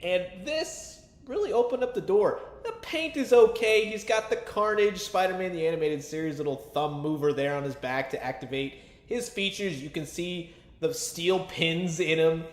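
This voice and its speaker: A man reviews an action figure in casual, chatty commentary full of fan enthusiasm and colloquial asides. His voice sits high, he talks at a normal speed, and the sound is roomy.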